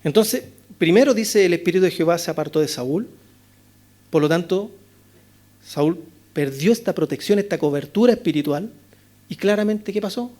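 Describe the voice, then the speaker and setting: A man's voice: high-pitched, animated, moderate pace, pauses often. A male pastor with a Chilean accent preaching an expository sermon, asking rhetorical questions and often adding "¿no es cierto?". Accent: Chilean Spanish. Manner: rhetorical questions, frequent "¿no es cierto?", swings between loud and hushed. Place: church chapel.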